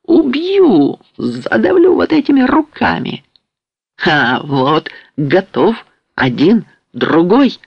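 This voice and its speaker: A feverish young warrior raves and challenges unseen enemies, as a male audiobook reader puts him on. The voice is gravelly and jumps high into wild, hoarse cries. It sounds dull and dry, like a lo-fi recording. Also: lively intonation, takes it slowly, no echo, heavily acted. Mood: raving, defiant. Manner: wild shouting, hoarse broken outbursts. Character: delirious young man, feverish warrior raving.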